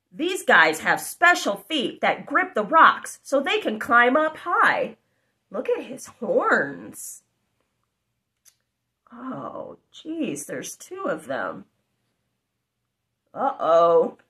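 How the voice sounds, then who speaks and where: Indoors in a living room, a lively woman with a high voice narrates a children's picture book aloud. She reads in an animated, exclamatory, child-directed way, adding asides.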